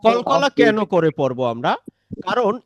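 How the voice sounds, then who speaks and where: A man teaching Quran recitation in a live online lesson, patiently explaining step by step and drawing out examples slowly. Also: high-pitched, big pitch swings, no echo, dull audio. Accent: Bangladeshi Bengali.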